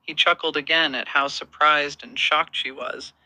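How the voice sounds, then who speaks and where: Man narrating a romance story, steady, slightly high, very bright. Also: normal speed, dry recording, low-quality recording.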